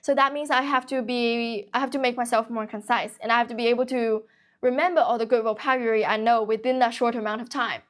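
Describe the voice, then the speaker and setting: Young woman, from China, first language Chinese, fairly high voice, brisk chatty livestream tutor. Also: fairly even intonation. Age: young adult. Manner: brisk, chatty, refuses to slow down. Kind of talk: casual livestream chat answering viewers. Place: office.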